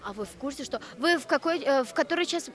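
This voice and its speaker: A woman's voice: high voice, animated, fast talker, a bit bright. A woman from Tajikistan, working as a TV reporter, chatting and prodding with questions in an informal interview. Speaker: TV reporter interviewing festival participants.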